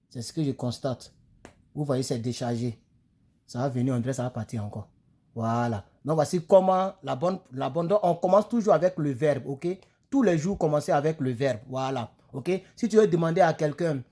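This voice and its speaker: A French-speaking man giving a casual English lesson on a phone camera. He rambles and repeats himself, leans on "voilà" and "ok", and slows right down to spell out English phrases. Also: fairly high pitch, dark tone. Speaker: English teacher. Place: home, filming on a phone in front of him. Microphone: phone camera close in front.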